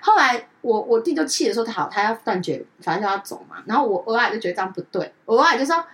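Woman host, quick and higher-pitched, lively storyteller who does the voices of relatives. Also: recorded from a distance. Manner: animated, acts out family members' lines with big pitch jumps. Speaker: podcast co-host. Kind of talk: casual storytelling chat.

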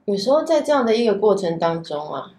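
A woman's voice: medium pitch, sing-song, fast talker, dark tone, slight background noise. A woman who hosts a podcast, talking in a thoughtful, reflective way in a casual chat. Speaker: podcast host. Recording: echoey room.

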